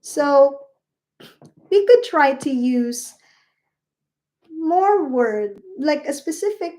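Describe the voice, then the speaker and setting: A woman's voice: high voice, expressive, very slow, dark tone. A woman teaching a live online English lesson, patient and encouraging, asking the class questions and answering them herself.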